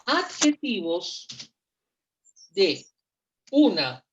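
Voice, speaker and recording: A woman teaching English in in an online class, patient and repeating each word slowly for pronunciation. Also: medium pitch, big pitch swings, dull audio. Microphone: computer mic on a video call.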